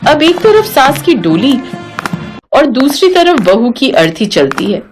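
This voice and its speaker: A woman narrating a family story in an even storytelling manner. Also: high-pitched, unhurried, soft background music.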